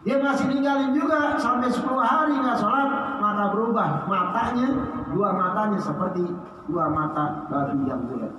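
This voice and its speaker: A man telling a sermon story, swinging between loud high exclamations and low hushed lines. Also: lively intonation, moderate pace, highs cut off, a little hiss or hum. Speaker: preacher. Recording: echoey hall, heard from a distance.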